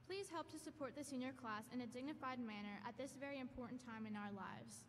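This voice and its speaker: A woman's voice: high-pitched, fast, slight background noise. A woman student speaker reading a formal announcement at a graduation podium, careful and formal. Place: large school gymnasium. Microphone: podium microphone through hall speakers. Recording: echoey gym from far off.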